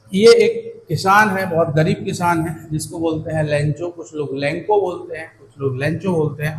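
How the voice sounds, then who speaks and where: With a high voice, this man leads a Hindi-medium exam-prep class on English, his words echoing in a room with faint background hum. He affectionately calls the students children and "beta," checks in often with "theek hai na," and takes it very slowly when spelling out English phrases and what words mean.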